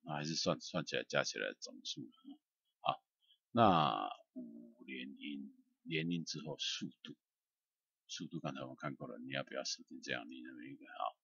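A man giving a loose, chatty software tutorial, filled with "ah" and "hao" fillers. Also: extremely low pitch, expressive, normal speed, gravelly, husky, dry recording, muffled recording. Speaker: music software instructor. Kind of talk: screen-recorded software tutorial.

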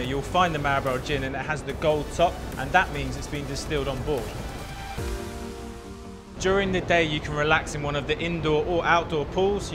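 A man in his forties, a travel vlogger, narrating an upbeat review with enthusiasm. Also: fairly high pitch. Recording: voice-over with loud music behind. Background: music.

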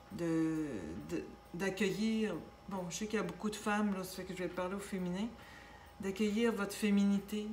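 A woman with a Québécois accent giving a casual tarot reading, gentle and reassuring, with many fillers and restarts. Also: fairly low pitch. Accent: Québécois French. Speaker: tarot reader. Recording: echoey room with faint background noise.

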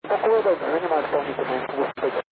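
A man's voice: fairly high pitch, animated, normal speed. A man speaking as a pilot, giving short readbacks over a radio. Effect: heard over a radio. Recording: tinny, noisy aviation radio.

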